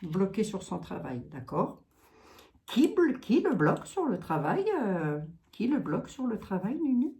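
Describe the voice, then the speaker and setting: A woman's voice: mid-range voice, very animated, measured pace, warm tone. A woman with a Lorraine accent giving a tarot card reading, musing aloud with trailing asides and frequent tags. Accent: Lorraine French.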